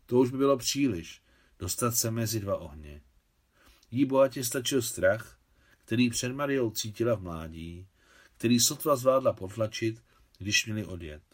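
A man narrating a novel, reading the dialogue lines in a higher voice for the women. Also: expressive. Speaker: audiobook narrator.

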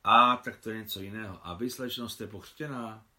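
A man voicing a stout elderly priest who speaks in a slow, measured way. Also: on the low side, bright, forceful tone. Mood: suspicious. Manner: measured, unhurried speech. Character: stout elderly male Moscow priest, deliberate.

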